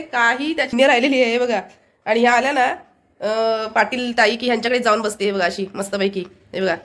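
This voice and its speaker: Indoors at her family home, a woman with a Konkan Marathi accent chats casually through her daily vlog, holding things up for the camera. Her voice is mid-range and creaky.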